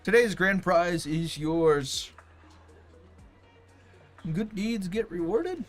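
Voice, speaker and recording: A man voicing a booming, excited raffle prize announcer in a video game, with drawn-out proclamations. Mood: triumphant, congratulatory. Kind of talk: game character voice-over. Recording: music under the voice.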